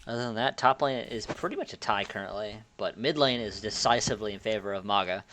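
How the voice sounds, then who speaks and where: A man doing relaxed color commentary on an esports match, easygoing and quick to laugh. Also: on the low side, slight background noise. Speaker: esports co-caster.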